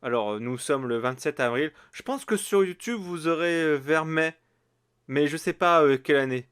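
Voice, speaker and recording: A man's voice: a little high, lively intonation, moderate pace, a bit bright, clean tone, dry recording, studio quality. A man hosting a casual solo podcast, rambling with many fillers and restarts. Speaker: podcast host.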